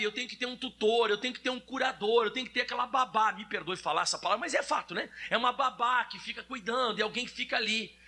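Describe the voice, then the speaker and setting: High, bright-voiced man preaching. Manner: preaching with acted-out examples and direct address. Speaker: pastor. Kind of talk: sermon.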